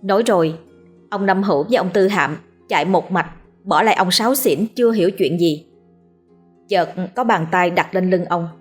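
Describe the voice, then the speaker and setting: Woman, Southern Vietnamese accent, ghost-story narrator, lower voice. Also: normal speed, husky, soft background music. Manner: steady storytelling.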